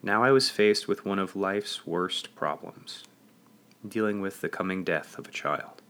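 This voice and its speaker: Middle-aged male memoir narrator, low and bright tone, earnest and reflective. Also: a little slow. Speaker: audiobook narrator.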